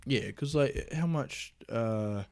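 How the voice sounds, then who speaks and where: A man's voice: medium pitch, expressive, slow pace, gravelly, a little mellow. Young kiwi guy, blunt and kinda dismissive, swears casually, plain mid voice. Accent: New Zealand. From New Zealand. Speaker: podcast co-host. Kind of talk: casual chat.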